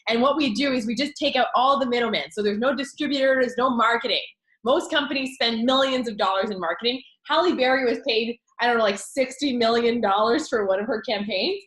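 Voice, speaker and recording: A woman with a fairly high voice talks up her business in a rush of excited chatter, full of fillers and little asides. The sound bounces around a roomy, echoey space. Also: fairly quick. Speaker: network marketing consultant. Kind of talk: enthusiastic business pitch. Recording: echoey room.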